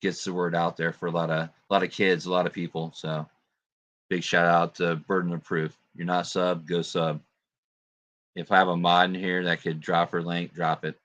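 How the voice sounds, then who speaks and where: A man's voice: low voice, little pitch movement, normal speed, fairly bright tone, dry recording. A man hosting a casual livestream, greeting viewers and chatting in a laid-back way with plenty of fillers and laughs. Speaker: livestream host.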